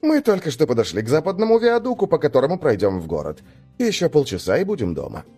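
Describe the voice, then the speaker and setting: A polite, dashing young knight from a spoken storybook, read by a man. He speaks calmly and courteously. His pitch lifts and falls with lively intonation. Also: quick pace, husky, faint music behind, heavily acted.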